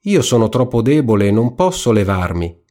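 A man voicing a weak, bedridden old grandmother in a spoken storybook, high and thin. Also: big pitch swings, fairly quick, a little mellow, lightly acted. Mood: feeble.

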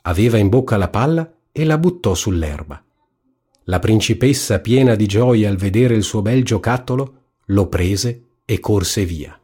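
A man narrating a fairy tale in a calm, even storybook reading. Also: fairly low pitch, a little slow, breathy edge.

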